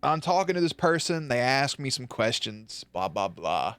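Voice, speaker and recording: A man's voice: medium pitch, normal speed, clear, resonant tone, no room sound, soft background music. A young man streaming, telling a rambling story in a loose, profane way and acting out quotes. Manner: loose, profane, animated retelling with acted quotes. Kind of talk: casual storytelling.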